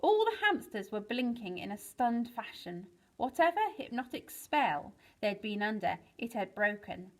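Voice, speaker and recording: A woman, a teacher, reading a children's book aloud to pupils in a lively storytelling way, with big swings for the exciting parts. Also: on the high side, a little slow, hardly any pauses, poor audio.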